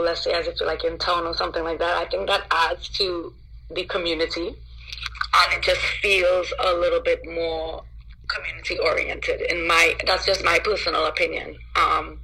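A woman with a Trinidadian accent talks in a relaxed, chatty way, full of fillers. Her voice is husky and breathy. Her pitch stays fairly flat and even. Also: low-quality recording. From Trinidad and Tobago. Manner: relaxed, laughs easily, chatty with many fillers. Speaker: soca singer and guest. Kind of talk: casual interview chat.

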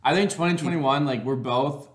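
A man's voice: fairly high pitch, normal speed. Young man, casual podcast talk, echoey. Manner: teasing, earnest, laughs often. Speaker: podcast co-host. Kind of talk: casual chat. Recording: echoey room.

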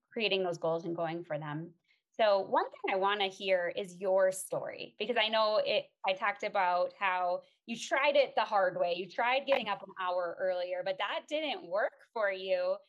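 A woman hosting a podcast, chatting casually and enthusiastically with a guest. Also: mid-range voice. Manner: upbeat, enthusiastic, affirming. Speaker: podcast host. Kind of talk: casual interview chat.

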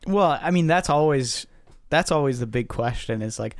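A young man co-hosting a podcast, speaking casually in halting bursts, repeating words and using fillers. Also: medium pitch, animated, no room sound, studio quality. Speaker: podcast co-host. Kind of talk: casual discussion.

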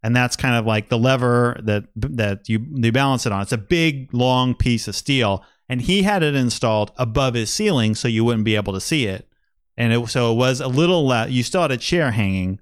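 Rambling man with a smooth voice. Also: medium pitch, normal speed, no echo, clean studio sound. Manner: rambling, laughs often, many fillers. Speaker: podcast co-host. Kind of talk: casual chat.

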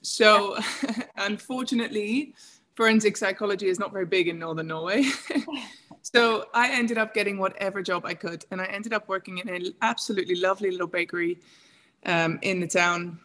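Woman in her thirties, coach on a podcast, chatty and warm-toned. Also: mid-range voice. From England. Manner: chatty, laughs often, many fillers. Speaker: guest, emotional intelligence coach. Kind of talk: casual interview talk.

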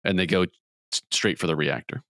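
A man hosting a podcast, casually retelling a movie plot with quick voiced quotes. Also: low voice, a bit bright, no room sound, clean studio sound. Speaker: podcast host. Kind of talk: casual movie recap chat.

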